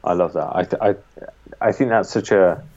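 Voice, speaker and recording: A man's voice: low-pitched, moderate pace, darkish tone. A British man interviewing in a casual, conversational way, circling tentatively as he forms his thoughts and questions. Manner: tentative, circling repetitions while forming questions. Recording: dull, band-limited sound.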